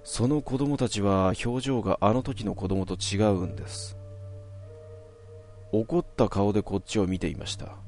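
A man narrating a horror story from his own past in a measured, suspenseful way. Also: on the low side, a little mellow, faint music behind.

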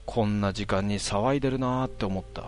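A man telling a ghost story in a hushed voice, with drawn-out words and dramatic pauses. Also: on the low side, slight background noise.

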